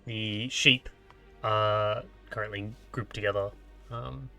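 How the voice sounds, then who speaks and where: Bright-voiced Australian man running a game. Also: lowish voice, fairly even intonation, gravelly, soft background music. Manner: halting, casual. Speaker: game master. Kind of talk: improvised tabletop game narration.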